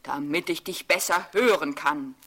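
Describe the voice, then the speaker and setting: A woman's voice: low-pitched, moderate pace, pushed and bright, voice pushed down, full character voice. A woman voicing a sly, greedy male wolf in a fairy tale.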